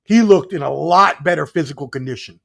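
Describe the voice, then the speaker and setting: A man's voice: on the high side, a little fast, creaky, fairly bright tone. A man appearing as a guest sports analyst on a casual podcast over a video call, talking conversationally and emphatically as he makes his points.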